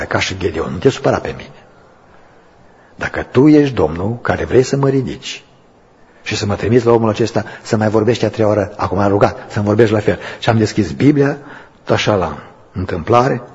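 Male pastor, sermon, very raspy voice, muffled recording, long church echo. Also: fairly low pitch. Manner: storytelling that builds to loud, emphatic preaching.

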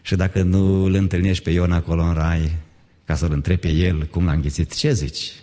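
A man's voice: sits low, little pitch movement, warm tone, voice pushed down, close to an everyday voice. A male preacher playing a mocking, ironic male intellectual who questions sarcastically. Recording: long church hall reverb.

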